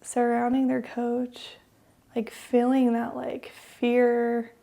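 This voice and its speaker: A young woman co-hosting a podcast, telling a personal story haltingly with many fillers, sometimes dropping to a whisper. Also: on the high side, monotone, vocal fry, mellow. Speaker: podcast co-host.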